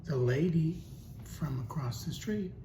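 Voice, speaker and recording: A man explaining the Bible in a conversational way, with storytelling and rhetorical questions. He talks slowly. The recording has a roomy echo and a steady noise behind him. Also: on the high side. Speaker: Bible teacher. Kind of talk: casual Bible teaching talk. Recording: echoey room with steady noise.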